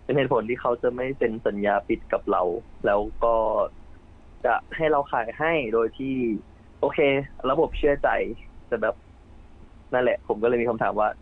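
Casting: male caller, mid pitch, halting speech, tinny phone-like sound. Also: husky. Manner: hesitant, halting explanations. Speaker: caller, young broker. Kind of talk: casual chat.

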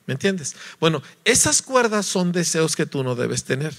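Male preacher, lively sermon delivery, bright, forceful voice pitched a little high. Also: moderate pace. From Mexico. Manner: animated, acts out voices, sings notes, asks listeners "¿verdad?".

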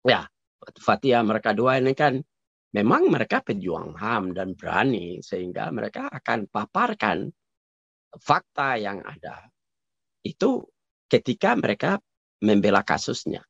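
Gravelly low-voiced man, halting speech. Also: sing-song, a bit bright, no echo. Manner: hesitant, many fillers and restarts; drops in English phrases. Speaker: interview guest. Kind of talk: conversational political commentary. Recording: dull lo-fi recording.

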